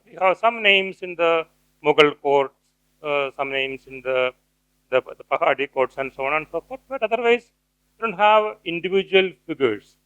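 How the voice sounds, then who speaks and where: A middle-aged man giving an academic lecture, pausing often with fillers and restarts. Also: a little high, sharp tone, clear, resonant tone, dry recording, muffled recording. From India. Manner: hesitant, many fillers and restarts. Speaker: guest speaker, cultural theorist.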